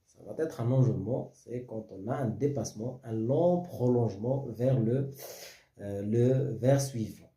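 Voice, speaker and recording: Male teacher, halting explanations, very dark mellow voice, roomy echo. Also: mid-range voice. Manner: halting, many fillers and restarts, checks understanding with "d'accord?". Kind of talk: explaining French verse rules.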